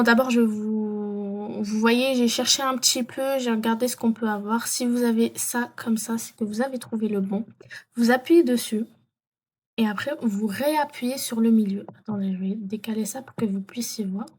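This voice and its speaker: A woman talks viewers through an app in an easygoing screen tutorial. Her voice sits a little high with a soft, mellow tone. She often stalls on fillers and corrects herself as she goes. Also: slightly rough. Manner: hesitant, many fillers and self-corrections. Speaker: vlogger.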